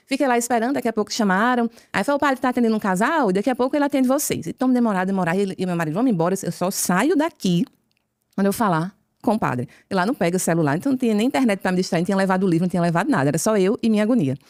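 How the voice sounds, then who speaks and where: Woman, Brazilian Portuguese accent, guest telling her testimony, animated storyteller acting out dialogue, rapid pace, dry close recording. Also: medium pitch, dry recording. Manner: lively storyteller who acts out dialogue. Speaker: podcast guest. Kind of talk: conversion testimony told as a story.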